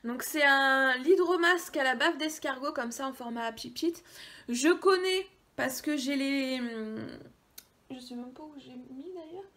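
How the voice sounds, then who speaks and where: A woman with a high, light voice talks through a makeup haul in a relaxed, chatty way. She hesitates with many pauses and now and then drops her voice to near-whispered asides. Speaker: beauty vlogger. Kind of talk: casual makeup haul video.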